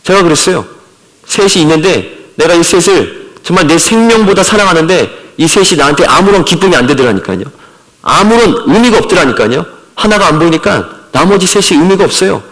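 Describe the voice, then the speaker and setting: A man's voice: fairly high pitch, animated, fairly quick, a bit bright. A middle-aged man, a missionary, preaching a sermon emphatically, asking his listeners questions and answering them himself. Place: church sanctuary. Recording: reverberant church hall.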